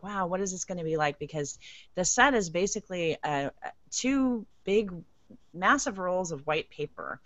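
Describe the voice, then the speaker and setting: A woman in her forties or fifties with a Californian accent, chatting bubbly and fast with lots of "like" on a podcast panel. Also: lowish voice, a bit bright, no room sound. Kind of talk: casual podcast chat. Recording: dry, slightly dull lo-fi sound.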